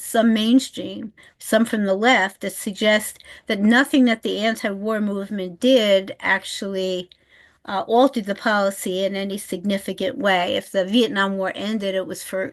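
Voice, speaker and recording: An older woman speaking as a historian on a webinar panel, thoughtful and measured, with some restarts, heard over a video call. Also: mid-range voice, rough recording.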